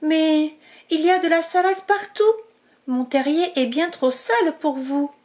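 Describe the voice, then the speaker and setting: A woman's voice: sits high, measured pace, darkish tone, pitched above the performer's own voice. A woman voicing a polite, apologetic female rabbit in a storybook reading. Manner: apologetic, fussy.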